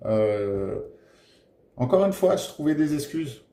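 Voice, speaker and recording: A man giving a casual tarot reading to his viewers, gentle and encouraging, pausing often with filler sounds. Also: medium pitch, very animated. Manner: hesitant, full of filler pauses. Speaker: tarot card reader. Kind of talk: casual tarot guidance monologue. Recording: roomy echoey room.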